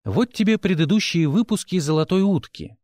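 A man's voice: high voice, expressive, moderate pace, a little mellow, dry recording, clean studio sound, pitched above the performer's own voice. A man voicing a curt, demanding male newspaper boss who gives clipped orders in an audiobook. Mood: commanding. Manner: clipped, commanding. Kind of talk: audiobook character voice.

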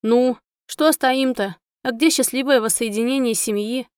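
A woman's voice: on the high side, normal speed, darkish tone, clean tone, no echo, studio quality, lightly acted. A woman voicing a brash, sardonic young friend who teases and pushes in an audiobook. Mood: teasing. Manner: wry, teasing, pushy.

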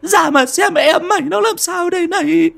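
A man voicing a frantic village mother, calling out and crying in high shrill cries. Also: normal speed, creaky, fairly bright tone, full character voice. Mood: wailing.

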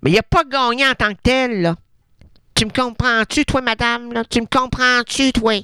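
A man's voice: extremely high pitch, moderate pace, sharp tone, slight background noise, heavily acted. Man doing a fussy Québécois pianist. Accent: Québécois French. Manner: fussy, rambling, self-important. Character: fussy soft-spoken male pianist with a big ego complex. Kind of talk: radio comedy sketch.

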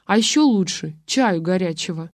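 Woman reading a calm male police officer. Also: on the low side, normal speed, no echo. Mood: matter-of-fact. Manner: calm, matter-of-fact.

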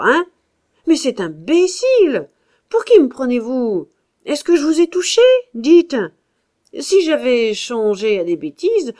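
A woman reading an audiobook, voicing a hot-tempered, impatient young male painter with loud, exasperated outbursts. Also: fairly high pitch, lightly acted. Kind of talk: audiobook character voice.

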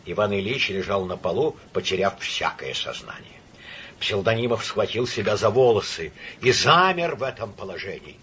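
A man reading an audiobook in a dramatic, expressive way, with a husky voice. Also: on the low side, moderate pace, a little hiss or hum. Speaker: audiobook narrator.

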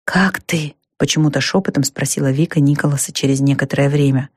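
A woman reading a storybook aloud in a steady, even narrating voice. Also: a bass voice, quick pace, no room sound, studio quality. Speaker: audiobook narrator.

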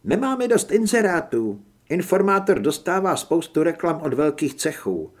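A man reading an audiobook, voicing a sharp, practical young woman who edits a newspaper. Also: on the high side, big pitch swings. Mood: insistent.

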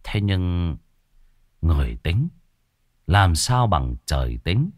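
A man narrating a village ghost story in a slow, dramatic, folksy way. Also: low voice, big pitch swings, no room sound, studio quality. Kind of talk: spoken horror story narration.

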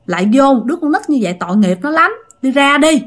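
A woman's voice: sits high, very animated, fast talker. Woman playing a stern parish priest. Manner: firm, scolding. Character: stern parish priest, middle-aged man.

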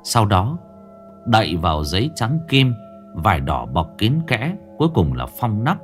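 Brief: male ghost story narrator, low voice, very animated delivery, faint music behind. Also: unhurried. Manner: dramatic, vividly expressive storytelling.

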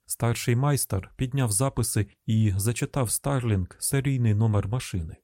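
Man, audiobook narration, steady, even, warm dark voice, dry studio sound. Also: mid-range voice, moderate pace, no echo. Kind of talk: scripted narration.

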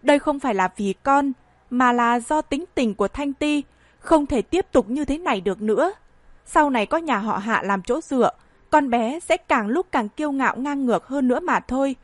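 A woman's voice: high-pitched, expressive, moderate pace, no echo. A woman voicing a stern old family patriarch. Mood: weary. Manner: scolding, weary and disappointed. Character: stern old grandfather, head of a rich family.

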